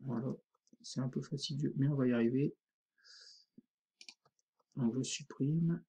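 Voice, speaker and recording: A man teaching a screen-recorded software tutorial, informal and thinking aloud, full of fillers. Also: mid-range voice, a little slow, slightly rough, highs cut off.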